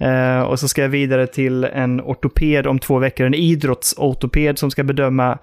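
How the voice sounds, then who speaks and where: A man's voice: medium pitch, flat delivery, a little mellow, clear, resonant tone. A man co-hosting a podcast, telling a story animatedly and acting out quoted voices. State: tired. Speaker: podcast co-host. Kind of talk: casual chat.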